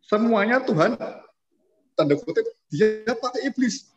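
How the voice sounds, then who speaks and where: Man, pastor, conversational sermon, slightly high voice, muffled recording. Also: expressive, measured pace, over music. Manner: conversational, addresses listeners as saudara. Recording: dull lo-fi recording.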